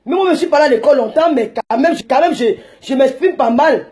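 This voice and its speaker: High-voiced combative Cameroonian woman. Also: lively intonation, brisk. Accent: Cameroonian French. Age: middle-aged. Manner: combative and mocking, bursts into shouting; chatty, rambling. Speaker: vlogger. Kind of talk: ranting vlog monologue.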